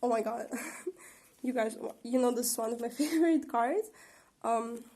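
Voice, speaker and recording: A woman's voice: fairly high pitch, normal speed, warm tone. A young woman hosting a casual tarot reading, rambling and chatty with lots of fillers, her voice a little shaky from a recent sore throat. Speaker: tarot reader and channel host.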